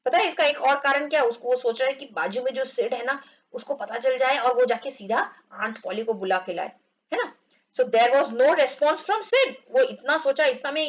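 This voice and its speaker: A woman explaining an English textbook story to children, reading the lines slowly and acting out the characters. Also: high-pitched, expressive. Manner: reads English lines slowly, explains in Hindi, acts out groans. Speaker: English teacher. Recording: dull lo-fi recording.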